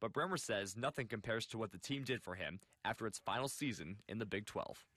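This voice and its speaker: A man's voice: lowish voice, brisk, fairly bright tone, no room sound. Young male news reporter narrating. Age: young adult. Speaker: television reporter.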